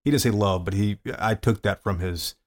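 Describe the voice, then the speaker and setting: A man's voice: on the low side, moderate pace. A man co-hosting a casual talk podcast over a video call, often repeating words as he gathers his thoughts. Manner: stammering, repeats words while thinking. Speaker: podcast co-host. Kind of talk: casual chat.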